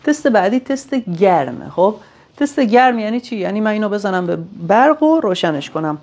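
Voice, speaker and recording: A woman's voice: mid-range voice, sing-song, darkish tone. Woman explaining sensor tests step by step. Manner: explains step by step, thinking aloud with fillers. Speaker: technician demonstrating sensor tests. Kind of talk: hands-on technical tutorial.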